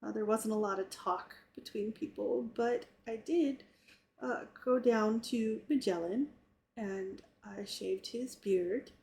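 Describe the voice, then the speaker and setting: A woman casually recapping a tabletop game session in a relaxed, rambling way with fillers. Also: on the high side, slow pace. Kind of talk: casual chat.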